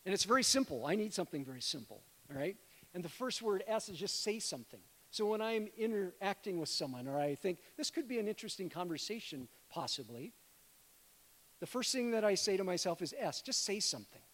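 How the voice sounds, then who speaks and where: Middle-aged male preacher, high voice, conversational sermon, long church reverb. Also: sing-song, fairly quick, a bit bright. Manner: conversational, addresses congregation as friends. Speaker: guest preacher, missionary. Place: church sanctuary.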